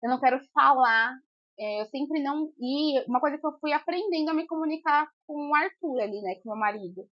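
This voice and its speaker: A woman's voice: brisk, no echo, muffled recording. A woman in her thirties co-hosting a podcast in casual chat, telling stories animatedly and acting out what people said. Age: 30s. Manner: animated storytelling, acts out quotes with rising pitch. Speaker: podcast co-host.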